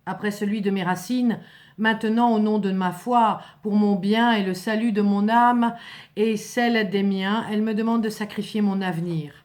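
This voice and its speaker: A woman narrates a literary story in the first person. Her voice sits at a middle pitch. The delivery is earnest, solemn and dramatic, like a serious storyteller's. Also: darkish tone.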